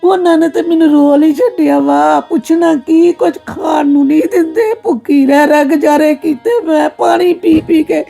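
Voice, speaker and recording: Woman doing a sad old punjabi mom, crying voice, kinda high and raspy. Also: moderate pace, few pauses, warm tone, soft background music. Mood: grieving. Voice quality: gravelly, tearful. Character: elderly mother, neglected and grieving. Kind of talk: Punjabi family drama acting.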